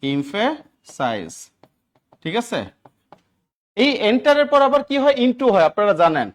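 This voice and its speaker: A man's voice: sits high, wildly swooping pitch, a little slow. A Bangladeshi man teaching English grammar in a lecture, constantly checking in with his students. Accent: Bangladeshi Bengali. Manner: drills students with repeated check-ins. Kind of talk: classroom lecture.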